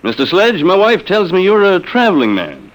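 A man's voice: sits high, wildly swooping pitch, moderate pace, a little hiss or hum, poor audio. An actor playing a grumpy, suspicious middle-aged husband and businessman in an old radio drama. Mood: wry, suspicious. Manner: blustering, exasperated.

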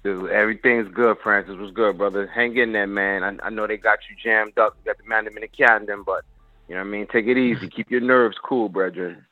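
A man's voice: fairly low pitch, steady tone, brisk, no room sound, phone-quality sound, soft background music. A man talking boxing in casual street slang, hyping things up and addressing the listener like a buddy.

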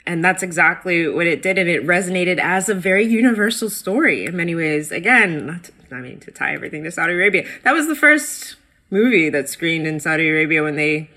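An American woman guest co-hosts a casual podcast conversation in a bright, slightly fast voice. She is animated, her pitch jumps when she gets excited, and she uses many fillers.

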